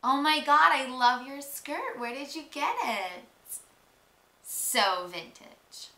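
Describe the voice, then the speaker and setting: A woman's voice: on the high side, lively intonation, measured pace, bright, forceful tone. A young woman performing a monologue as a mean, spiteful, popular teenage girl, with a catty, gossipy, mock-sweet drawl. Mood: fake sweet, spiteful. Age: young adult. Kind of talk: acted film monologue. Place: small room indoors. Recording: roomy, echoey home recording.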